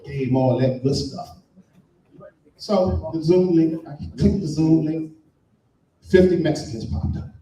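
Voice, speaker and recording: A man's voice: a little high, a little slow, long pauses, warm tone, some chatter behind, slight background noise. A man doing a stand-up comedy set, telling a story and acting out the voices of the people in it. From Washington, D.C. area. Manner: storytelling, acts out voices, sings briefly. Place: live comedy show in a room. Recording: echoey room from far off.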